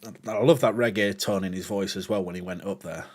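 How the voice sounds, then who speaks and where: A man's voice: low voice, fairly even intonation, fairly quick. A man hosting a reaction video, talking casually and emotionally, sighing, swearing and searching for words.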